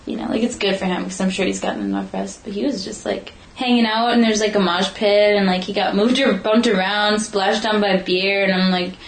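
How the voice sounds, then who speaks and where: A woman's voice: mid-range voice, fairly quick, hardly any pauses. A young woman telling a story in casual chat, rambling, swearing freely and saying "like" a lot. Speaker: friend in conversation. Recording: roomy with faint background noise.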